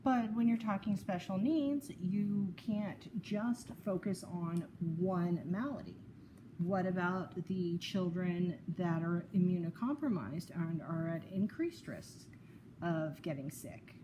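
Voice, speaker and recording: Lower-voiced woman over background noise. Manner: measured, raises questions. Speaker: podcast co-host. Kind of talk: casual discussion, sharing articles.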